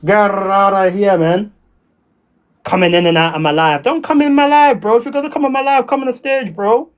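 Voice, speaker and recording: Dull lo-fi audio carries a man's extremely high, lively voice as he rants brisk livestream trash talk. Using London roadman slang and accent, he keeps taunting and provoking, going over the same points again and again.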